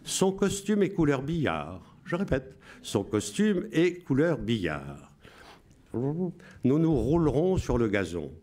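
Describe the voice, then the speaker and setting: An older man in his seventies playing a solemn wartime radio announcer who reads out coded messages with measured, emphatic repetition. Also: mid-range voice, very animated, warm tone, pitched above the performer's own voice. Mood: declaiming.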